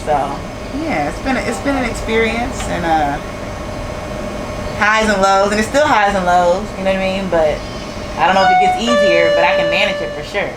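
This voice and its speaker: This guest is a woman in her thirties who runs a store, speaking at a moderate pace in a mid-range voice over background noise. In the casual interview she's open, often repeats herself, and laughs easily.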